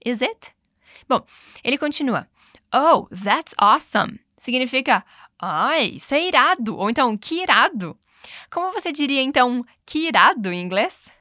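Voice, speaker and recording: A woman teaching English and running repeat-after-me drills, speaking clearly and patiently and slowing down on model phrases. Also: high voice, sing-song, bright, forceful tone, dry recording, clean studio sound. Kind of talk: bilingual language lesson with repeat drills.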